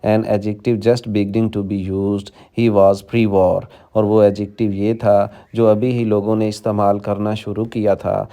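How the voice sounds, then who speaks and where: Slow, deep-voiced male teacher. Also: little pitch movement, muffled recording. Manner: reads English slowly word by word, then explains quickly in Urdu; addresses students directly as children. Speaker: English teacher. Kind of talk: bilingual lecture, reading English text and explaining it.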